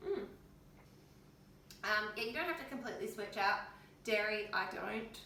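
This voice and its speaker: At normal speed, in a medium-pitched voice that's pushed and bright with lively intonation, an Australian health vlogger chats casually in her kitchen at home. She sounds tired and in pain, speaking offhandedly and colloquially. With the windows open, the distant mic catches lots of echo and faint noise.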